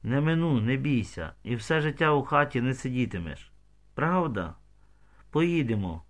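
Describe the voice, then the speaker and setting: Tender protective village man, hushed, soothing, audiobook, read by a man. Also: mid-range voice, lively intonation, normal speed, close to an everyday voice.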